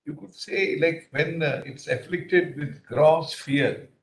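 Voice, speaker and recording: A man's voice: fairly high pitch, slow pace, slight background noise. A man with an Indian English accent questions counsel from the bench, hesitant and full of fillers. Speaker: judge on the bench. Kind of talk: courtroom questioning. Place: courtroom. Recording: echoey courtroom audio.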